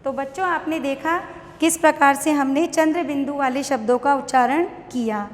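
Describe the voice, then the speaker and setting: A woman with an Indian accent teaching young children an online lesson, spelling words slowly syllable by syllable. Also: high voice, steady tone. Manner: slow, syllable-by-syllable spelling aloud. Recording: echoey room with long reverb.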